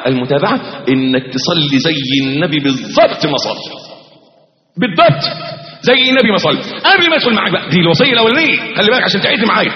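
A man preaching a lively sermon with an Egyptian accent. He swings from loud exclamations to soft asides and acts out little dialogues. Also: sits high, fast talker. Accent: Egyptian Arabic. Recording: echoey, reverberant, dull lo-fi hall recording.

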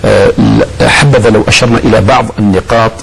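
Fast-talking male show host. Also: lowish voice, steady tone, gravelly, a little hiss or hum, low-quality recording. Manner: affirming interjections, leads the conversation. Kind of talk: studio interview.

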